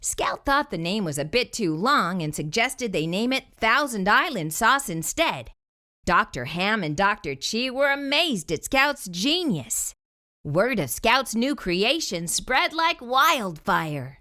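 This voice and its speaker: A woman with a medium-pitched voice reads slowly from a children's picture book, storyteller-style, animated and full of theatrical emphasis.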